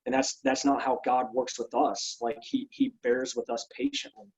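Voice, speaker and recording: Gravelly, husky man musing aloud. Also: mid-range voice, very animated, poor audio. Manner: halting, thinks aloud with restarts. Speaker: workshop participant. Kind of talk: reflective discussion.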